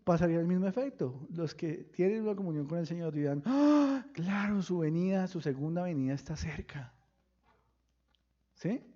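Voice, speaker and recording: A pastor preaching a sermon, firing questions at the congregation and breaking into sudden loud bursts. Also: male voice, on the high side, normal speed, highs cut off. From Colombia.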